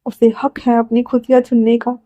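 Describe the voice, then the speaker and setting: A woman's voice: on the high side, monotone, normal speed, no room sound, highs cut off. A woman narrating an emotional fan fiction story, dramatically voicing the characters' lines herself.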